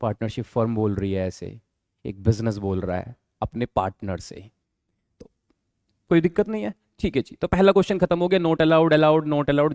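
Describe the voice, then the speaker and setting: A man's voice: high-pitched, a little mellow, no room sound, clean studio sound. A man teaching a commerce class who explains rules and acts out little exchanges between business partners, switching his talk. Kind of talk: classroom lecture.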